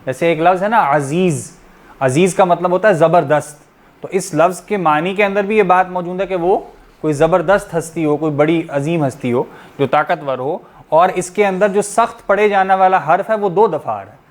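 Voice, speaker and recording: A man's voice: high-pitched, moderate pace. A man teaching tajweed to a class, patiently explaining and demonstrating each letter sound. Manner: patient, explanatory, often checking in with "theek hai".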